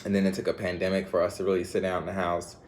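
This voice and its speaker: Here a low-voiced man races along with a completely flat delivery, addressing viewers head-on. As a vlogger, he rambles through disjointed ideas, using plenty of slang and laughing a lot.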